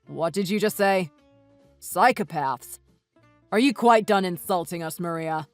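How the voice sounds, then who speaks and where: A man voicing an indignant, reproachful brother-in-law in a text story, over soft music. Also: high-pitched, measured pace, no room sound. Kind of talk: read-aloud text-message story. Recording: dry voice with soft music underneath.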